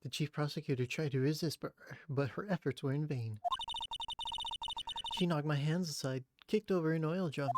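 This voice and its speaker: A man's voice: on the high side, normal speed, close to an everyday voice. A man voicing a boastful, sultry female ex-cop witness from a video game, playfully cute and predatory with coy growls. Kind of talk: video game character read-aloud. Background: loud game music.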